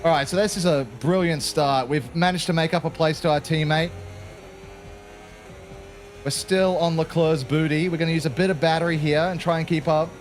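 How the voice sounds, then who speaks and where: A man's voice: a little high, steady tone, moderate pace. Chatty Australian man commentating a race game. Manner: chatty, jokey, peppered with "mate". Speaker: gaming channel host. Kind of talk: casual gameplay commentary.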